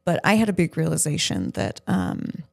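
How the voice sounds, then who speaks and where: A woman with a low voice and vocal fry speaks at a moderate pace, her pitch swinging widely. She's co-hosting a podcast and interviewing her partner in casual conversation, talking bluntly and putting herself down.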